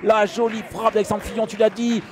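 Excited guy doing live soccer commentary, really high voice, shouty drawn out exclamations. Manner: excitable, swings from quick murmured play-by-play to shouted, drawn-out exclamations. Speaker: football commentator.

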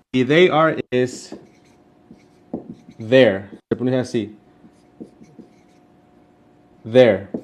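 Man, English teacher, unhurried, patient, repeats each example. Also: mid-range voice. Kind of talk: beginner English lesson explained in Spanish.

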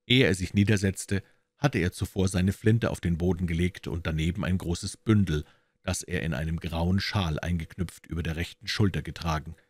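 A man narrating a classic detective novel as an audiobook reader, in measured storytelling with lively emphasis. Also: sits low, breathy edge, no room sound. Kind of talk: scripted narration.

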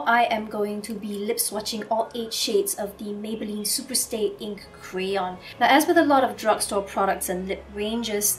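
Hoarse, nasal woman reviewing lipsticks. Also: mid-range voice, far from the mic, slight background noise. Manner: chatty, with frequent uh fillers. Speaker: beauty reviewer. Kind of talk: casual product review to camera. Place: Singapore.

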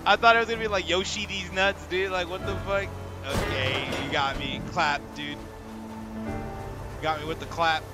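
A man streaming a video game live, reacting excitedly, chatting with viewers and swearing casually. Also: fairly high pitch, normal speed. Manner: excitable, chatty, talks to chat. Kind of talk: live gameplay commentary. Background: game music.

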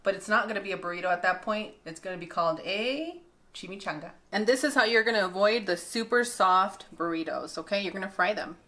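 This cooking show host, a woman in her thirties, leads a relaxed demonstration from a bright home kitchen. She's talkative and cheerful with frequent laughter, her mid-range voice carrying a slight hiss or hum in the audio.

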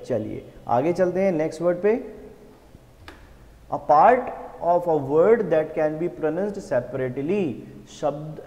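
Man, teacher, fairly high voice, slow deliberate reading, repeats answers, long echo. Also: dark tone. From India. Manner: explains slowly, reads English definitions deliberately, repeats answers as questions. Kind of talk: exam-prep vocabulary lesson.

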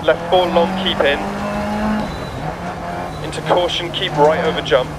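Loud engine and tyre noise surrounds a focused male rally co-driver played by an actor in a racing game. He calls rapid pace notes in a slightly high voice. The phrases are clipped, businesslike and urgent. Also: fairly even intonation, lightly acted. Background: racing car engine, gravel and tyre noise.

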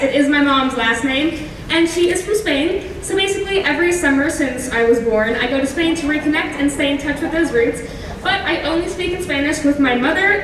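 A teenage girl from Germany, reading announcer lines slowly and carefully on a school stage. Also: high-pitched, a bit bright. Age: teens. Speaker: fashion show announcer. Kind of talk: reading prepared remarks on stage. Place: large school auditorium stage. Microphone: handheld mic, heard from far off. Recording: echoey auditorium from far off, crowd noise.

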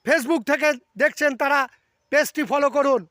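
A man hosting a video, giving a heated religious rebuttal to camera and chanting the mantra in a slow sing-song. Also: extremely high pitch, sharp tone, no echo, studio quality. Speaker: video host answering a critic.

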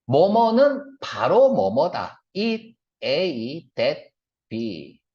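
Lively male teacher in a lecture. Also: on the high side. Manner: asks the class quick questions and answers them himself; mixes casual and polite speech. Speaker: English reading teacher. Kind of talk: classroom lecture. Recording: dull lo-fi lecture recording.

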